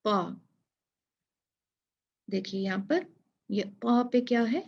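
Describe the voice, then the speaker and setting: Slow, patient woman teaching Quran recitation. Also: a little high, animated, husky, dull audio. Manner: patient, repeats letters and words slowly to demonstrate. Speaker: tajweed teacher.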